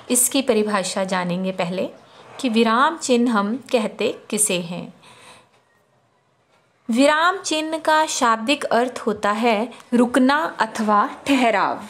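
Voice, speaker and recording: A woman teaching a grammar lesson to children, explaining slowly and repeating key terms. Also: on the high side.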